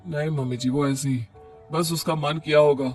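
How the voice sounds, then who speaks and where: A man's voice: a little high, fairly even intonation, moderate pace, over music, natural voice. A man voicing a tired, sulky young husband in a cartoon story, pleading and hurt.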